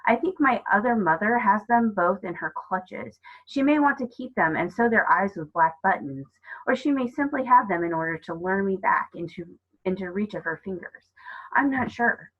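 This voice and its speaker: A woman's voice: medium pitch, animated, moderate pace, natural voice. A woman voicing a brave, stubborn young girl who speaks earnestly and firmly. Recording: dull lo-fi recording.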